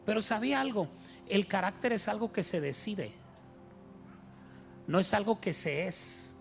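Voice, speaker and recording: Pastor preaching, pretty high voice, tells stories and asks the church questions. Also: male voice, unhurried, gravelly, soft background music. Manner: storytelling, rhetorical questions, animated preaching. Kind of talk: sermon.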